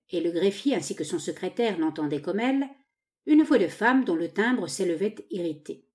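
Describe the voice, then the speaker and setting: Expressive woman reading a novel. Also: lowish voice. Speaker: narrator.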